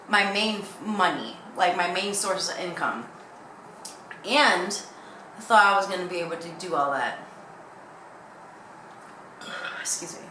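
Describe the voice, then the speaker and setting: Young woman, lowish pitch, bright forceful tone, casual rambling vlog chat, candid, roomy echo. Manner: rambling, candid, jumps between thoughts. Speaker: YouTuber. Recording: echoey room with faint background noise.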